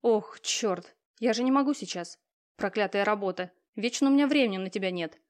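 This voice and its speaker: A woman's voice: medium pitch, a little fast, natural voice. A woman reading an audiobook, voicing a busy middle-aged mother who is curt and businesslike on the phone. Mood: pushy.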